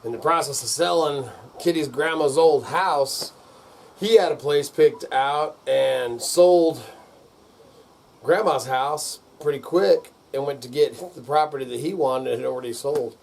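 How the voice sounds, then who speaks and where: Gravelly older rowdy rural American man, ranting. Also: fairly high pitch, measured pace. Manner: rowdy redneck ranting, folksy and salty, says man and dude constantly. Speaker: vlogger. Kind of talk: casual off-the-cuff rant to camera.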